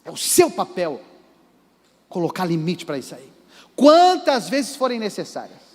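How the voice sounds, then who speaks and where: This pastor's voice is high-pitched, unhurried, and wildly swooping as he preaches a sermon in Brazilian Portuguese. He speaks emphatically and addresses the congregation directly, with church reverb from the sanctuary around him.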